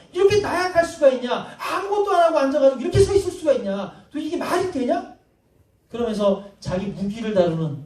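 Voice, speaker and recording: Male pastor preaching, high mellow voice, lively storytelling, echoey church from far off. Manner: animated storytelling, asks the congregation questions. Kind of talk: sermon. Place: church sanctuary. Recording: roomy hall sound from a distant mic.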